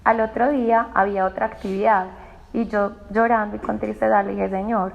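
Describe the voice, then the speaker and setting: A woman's voice: medium pitch, level tone, brisk, vocal fry, muffled recording. A woman with a Colombian accent telling her personal faith testimony, with emotional storytelling that quotes her own past words. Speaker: testimony speaker.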